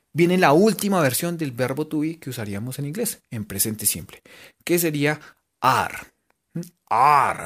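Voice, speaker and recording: Playful Colombian man teaching English. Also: mid-range voice. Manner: playful, spells letters out and keeps checking in with listeners. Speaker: English teacher on local radio. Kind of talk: radio English lesson.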